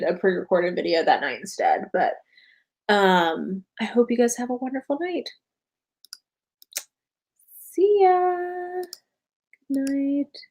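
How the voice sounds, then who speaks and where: A tired American woman chats live with her viewers at a medium pitch. She rambles, fills gaps with little hesitations and corrects herself as she goes. She laughs easily, and the talk stays loose and friendly. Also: darkish tone. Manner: rambling, many fillers and self-corrections, laughs often. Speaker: booktube host. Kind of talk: casual live stream chat with viewers.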